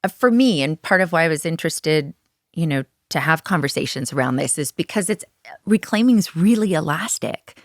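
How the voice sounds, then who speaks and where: Reflective woman podcast host, lowish voice. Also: animated, dry recording, clean studio sound. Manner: reflective and measured. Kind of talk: interview conversation.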